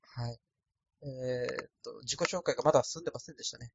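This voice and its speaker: A man's voice: mid-range voice, fairly quick, vocal fry, dull audio, slight background noise. A man from Osaka rambling casually through a solo podcast, with a thin, light voice and a self-deprecating manner. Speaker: podcast host. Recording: dry, no added echo.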